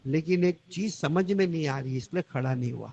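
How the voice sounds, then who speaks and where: A man voicing a calm, wise holy man who speaks softly and thoughtfully. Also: on the high side, lo-fi sound, pitched below the performer's own voice, natural voice. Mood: pensive. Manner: soft, quiet, reflective.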